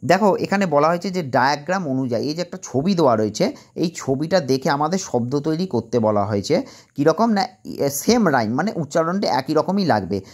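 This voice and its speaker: Husky man patiently teaching young kids. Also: fairly high pitch, animated, a little fast. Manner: patient, spells words letter by letter and translates them. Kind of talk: explaining an exam paper to young children.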